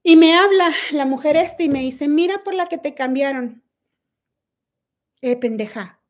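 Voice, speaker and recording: A middle-aged woman with a Mexican accent talks high and brash on a phone livestream. She is profane and mocking, chatting casually with her viewers. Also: measured pace. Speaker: livestream host.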